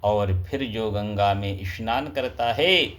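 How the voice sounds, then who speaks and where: Very slow reverent preacher man. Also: fairly low pitch, a bit bright. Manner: slow, reverent, chants Sanskrit verses. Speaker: pandit, scripture storyteller. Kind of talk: devotional scripture discourse.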